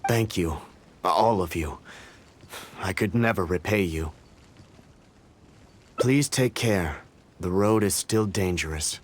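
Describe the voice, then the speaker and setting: Gentle grateful father. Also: low voice, takes it slowly, pauses often, a little hiss or hum. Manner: warm, courteous and relieved. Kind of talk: game voice acting.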